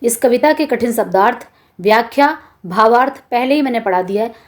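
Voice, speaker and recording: A woman teacher walks students through a lesson in a patient, clear way. Her voice sits a little higher than usual. She says the examples slowly and asks questions as she goes. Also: expressive. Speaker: Hindi teacher. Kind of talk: classroom lesson explaining exercises.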